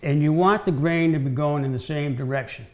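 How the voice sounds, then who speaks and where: His voice is fairly high and fairly quick. He's a guest woodworker in his sixties showing off cutting boards in a home-style indoor kitchen, explaining casually and often going back over or restarting his phrases.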